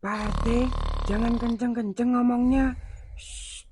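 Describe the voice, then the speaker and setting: A woman's voice: on the high side, steady tone, a little slow, dark tone, slight background noise, lightly acted. Woman doing an evasive lying young man. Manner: evasive, excuse-making.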